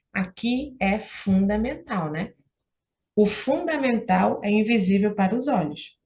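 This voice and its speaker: A woman's voice: mid-range voice, a little mellow. Brazilian woman, exam-prep teacher, patient step-by-step explainer of test questions. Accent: Brazilian Portuguese. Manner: explanatory, checks in with listener often.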